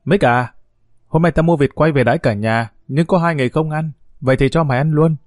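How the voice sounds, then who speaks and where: A spiteful young daughter-in-law from an audio story, played by a man, all barbs and sarcasm. The voice sits a touch higher, with a mellow, dark tone and a dry, close sound. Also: a little fast, no echo, natural voice. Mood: mocking. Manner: sarcastic, needling. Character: spiteful rude young woman, a sharp-tongued daughter-in-law.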